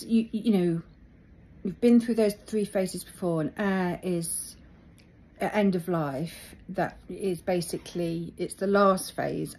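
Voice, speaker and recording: A middle-aged woman talking reflectively about her feelings, thoughtful and halting as she searches for words. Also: fairly low pitch, darkish tone, slightly rough. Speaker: vlogger. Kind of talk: reflective personal talk.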